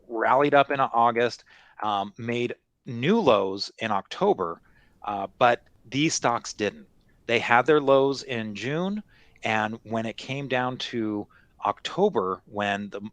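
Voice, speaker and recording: A man's voice: mid-range voice, a bit bright, dry recording. Conversational male stock market analyst, dry recording. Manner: conversational, explanatory, peppered with "you know" and "right?". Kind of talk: unscripted market commentary.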